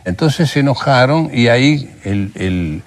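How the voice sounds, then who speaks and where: A man's voice: medium pitch, unhurried. An older man with an Argentine Rioplatense accent, recounting his memories in a documentary interview and acting out remembered conversations as he talks. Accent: Argentine Rioplatense Spanish. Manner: animated storyteller who acts out remembered dialogue.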